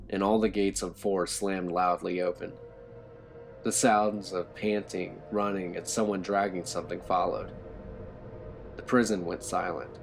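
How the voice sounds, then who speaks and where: A man narrating a horror story in a low, tense storytelling manner. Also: creaky, slight background noise.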